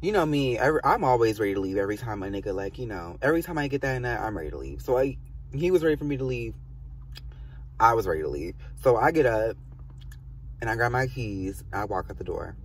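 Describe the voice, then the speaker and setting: A man's voice: medium pitch, animated, quick pace, distant mic, slight background noise. A man telling a storytime to his viewers in a casual, rambling and profane way, full of fillers and asides. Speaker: vlogger.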